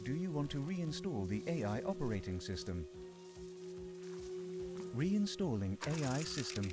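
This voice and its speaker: A man's voice: medium pitch, very animated, unhurried. A man voicing a glitching ship AI. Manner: glitching robot voice, clipped system announcements. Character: malfunctioning male ship AI, spouting error messages. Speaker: ship's onboard AI assistant. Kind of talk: video game character voice. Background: loud game music.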